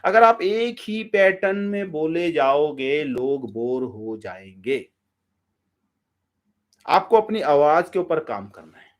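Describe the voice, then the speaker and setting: A man coaching public speaking in a live session, energetic and direct, giving step-by-step instructions and talking to listeners as friends. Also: fairly high pitch.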